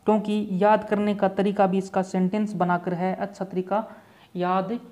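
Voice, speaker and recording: Speaking Hindi with English words mixed in, a man slowly explains each term in an exam-prep vocabulary class and goes back over his points. His high voice stays level and sounds slightly mellow.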